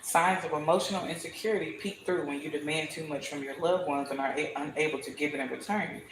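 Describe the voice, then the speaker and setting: Streaming live, a man with a fairly high voice reads tarot in a casual, profane and preachy style, speaking bluntly, emphatically and fast with a steady tone. A roomy echo and faint hiss sit behind him.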